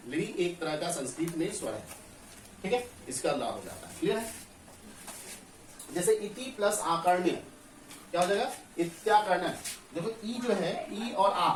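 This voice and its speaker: A man's voice: high-pitched, slight background noise. A male teacher explaining Hindi grammar step by step in a classroom lesson, often asking a question and then answering it himself. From Bihar, India. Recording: echoey room, mic at a distance.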